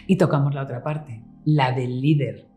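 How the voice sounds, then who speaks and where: Casting: deep, warm-voiced female host, eager and exclamatory. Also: moderate pace, soft background music. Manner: enthusiastic, exclamatory. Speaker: host, interviewer. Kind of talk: casual conversation.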